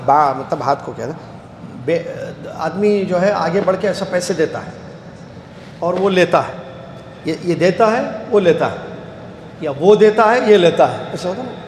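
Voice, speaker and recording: A man's voice: high-pitched, animated, darkish tone. A man teaching a classroom lecture, asking his students questions and answering them himself, repeating key words. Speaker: Islamic studies teacher. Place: lecture hall. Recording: echoey hall with faint background noise.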